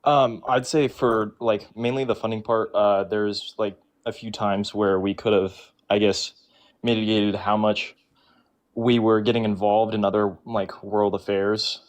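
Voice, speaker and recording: A man's voice: fairly low pitch, level tone, measured pace. A young man calling into a livestream debate, talking hesitantly with many ums. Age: young adult. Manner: hesitant, full of ums and hedging. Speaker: caller. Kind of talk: casual debate talk.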